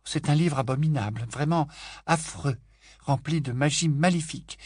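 A man's voice: a little high, dry recording, studio quality, voice pushed up, lightly acted. A man voicing an anxious, studious teenage girl witch who stammers and pleads. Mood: grave.

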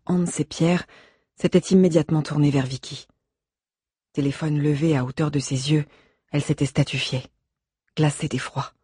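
A man narrating an audiobook in a measured, steady reading. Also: on the high side, husky, no echo, studio quality. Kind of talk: scripted narration.

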